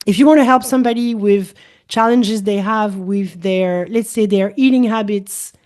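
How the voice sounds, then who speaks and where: A middle-aged woman with a French accent speaks English as a guest in a casual interview, where she works as a holistic coach explaining her ideas. Her voice is medium-pitched and a little mellow, at a moderate pace. She is thoughtful and repeats her key points.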